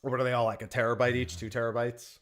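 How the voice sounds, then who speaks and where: A man's voice: medium pitch, flat delivery, quick pace. A man hosting a stream, talking casually in a group voice chat. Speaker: stream host.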